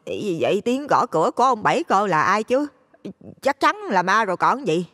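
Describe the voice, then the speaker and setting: A woman's voice: mid-range voice, sing-song, normal speed, fairly bright tone, big-room sound. An actress playing a frightened, stammering unmarried woman near fifty. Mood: fretful. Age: about 50. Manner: panicky stammering. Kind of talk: audio drama acting.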